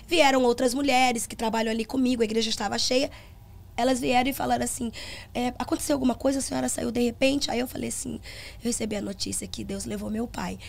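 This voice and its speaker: Middle-aged female pastor and singer, podcast testimony, gravelly voice pitched a bit high. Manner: earnest storytelling, acts out dialogue.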